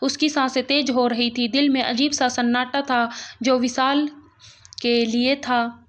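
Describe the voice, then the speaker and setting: A woman narrating a dramatic, emotional story in a steady, even-toned reading. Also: high voice, unhurried.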